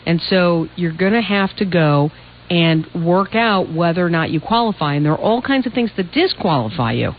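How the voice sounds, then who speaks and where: A woman's voice: lowish voice, dull audio, slight background noise. A woman hosting a radio call-in show, giving direct, explanatory advice in a conversational way. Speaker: radio call-in host, financial adviser.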